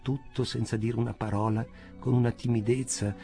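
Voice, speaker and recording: A man reads a literary audiobook with measured, expressive storytelling. His voice sits at an ordinary male pitch, and quiet music runs softly behind the narration.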